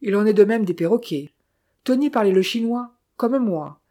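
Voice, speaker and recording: A woman reading the lines of a small, courteous older male detective in formal, measured speech. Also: mid-range voice, lively intonation, dark tone, close to an everyday voice.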